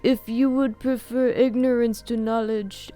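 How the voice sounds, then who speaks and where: A woman voicing an excitable, frail old male scholar who lectures eagerly, her voice pitched well above her own. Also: unhurried, soft background music, natural voice. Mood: eager lecturing.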